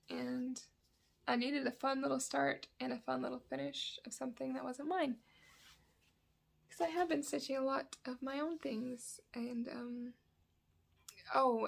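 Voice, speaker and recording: Sitting indoors in a sunny spot at home, a woman shows off her cross-stitch work in a loose, chatty ramble, often correcting herself. Her voice is high and gravelly, and her throat sounds dry.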